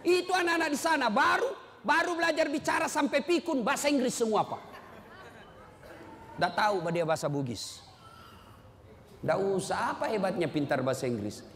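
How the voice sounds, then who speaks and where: A man's voice: extremely high pitch, lively intonation, moderate pace, pauses often, a bit bright. A man preaching to a live audience. He tells stories, makes jokes and asks the listeners direct questions. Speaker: Islamic preacher. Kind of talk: lively sermon with storytelling and jokes. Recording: reverberant hall with faint ambient noise.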